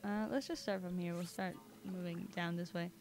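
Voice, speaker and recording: A woman's voice: fairly low pitch, fairly even intonation, normal speed. A woman from Canada chatting casually while streaming a video game, rambling and laughing often. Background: video game music.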